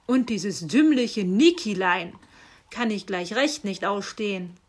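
A woman's voice: medium pitch, lively intonation, takes it slowly. A woman reading aloud and voicing a grumpy, stubborn old Saint Nicholas who grumbles. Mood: grumbling. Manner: gruff grumbling delivery.

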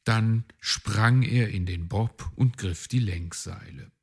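A man reads a children's advent story aloud at an unhurried pace. His voice is gravelly and husky, and his telling moves with lively pitch. He performs the animals with separate voices. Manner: expressive, voices each animal.

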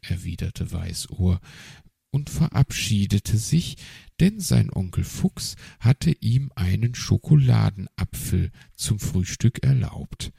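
Gravelly slow storybook narrator, a man. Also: lowish voice. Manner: calm, measured reading.

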